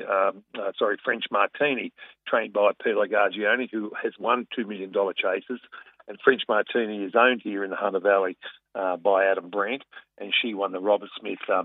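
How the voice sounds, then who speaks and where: An Australian man talking as a racing guest in a casual radio interview, conversational and a bit halting. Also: lowish voice, vocal fry, breathy edge, no echo, narrow, tinny audio.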